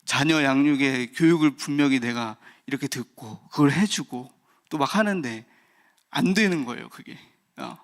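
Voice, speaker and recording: A man's voice: medium pitch, normal speed. Guy preaching at a morning service, thirties, talks personal and unpolished, lots of uh and restarts. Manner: candid, personal, with many fillers and restarts. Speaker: pastor. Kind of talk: early-morning sermon.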